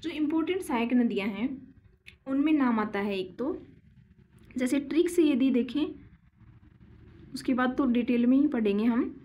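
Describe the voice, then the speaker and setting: A woman teaching a geography lesson, slowly repeating key names and quizzing her students with questions as she draws on a board. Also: high-pitched, dull audio. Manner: slow and deliberate, drawing on a board while explaining.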